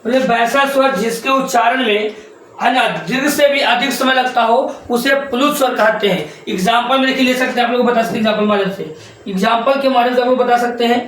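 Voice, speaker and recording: A man with a notably high voice delivers a grammar lesson, going over each rule again and again and firing questions at his students. The sound is heavily echoey, as if captured in a bare, reverberant room. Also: fairly quick, a bit bright, a little hiss or hum. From India. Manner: repetitive, drills points with rhetorical questions. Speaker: Sanskrit grammar teacher. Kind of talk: classroom lecture to students.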